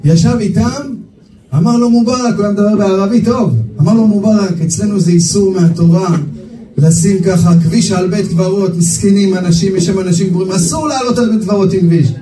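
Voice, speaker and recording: A man, a rabbi, telling stories in a sermon, animated and acting out the people he quotes. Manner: animated storytelling, acting out quoted voices with sharp pitch swings. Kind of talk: storytelling sermon. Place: memorial gathering hall. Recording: echoey hall, voice from far off, faint background noise.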